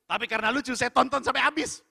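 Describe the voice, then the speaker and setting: A male stand-up comedian telling an animated story to his audience and acting out the dialogue with mimicked voices. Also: extremely high pitch, fast, creaky, breathy edge, clean studio sound. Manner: addresses the audience directly. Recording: echoey hall.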